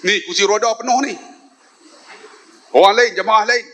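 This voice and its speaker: Malaysian male religious speaker, animated, high bright tone. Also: normal speed. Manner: animated, acts out dialogue, laughs often. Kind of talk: humorous forum storytelling. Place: mosque forum before an audience.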